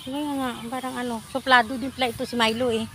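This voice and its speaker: A woman's voice: a little high, flat delivery, fast, pushed and bright. A woman vlogging in a park, casually chatting and calling her dogs in coaxing baby talk, mixing Tagalog and English. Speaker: vlogger and dog trainer. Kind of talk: casual chat with dogs outdoors. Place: park outdoors. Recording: outdoor noise behind.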